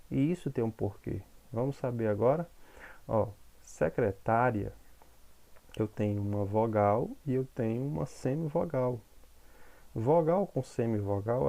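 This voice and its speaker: A man's voice: mid-range voice, gravelly, mellow. A man teaching a grammar lesson, explaining step by step and checking in with the class.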